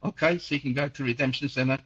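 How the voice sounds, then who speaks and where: A man's voice: medium pitch, fairly even intonation, quick pace, a bit bright, husky. Man in his sixties, lo-fi audio. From Chile. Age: 60s. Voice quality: nearly deaf. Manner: rambling, repeats words, frequent fillers. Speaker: host answering listener questions. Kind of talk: casual call-in chat.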